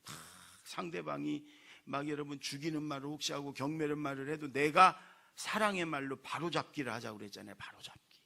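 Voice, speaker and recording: A man's voice: a little high, fairly quick, gravelly, sharp tone. A man preaching a Sunday sermon as pastor, emphatic and exhorting his congregation, often calling for an amen. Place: church sanctuary.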